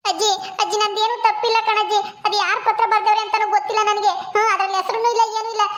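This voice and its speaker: A woman's voice: extremely high pitch, level tone, fast talker, a bit bright. A woman playing a young wife pleading her innocence in a village family drama, begging in a tearful tone. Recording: echoey room.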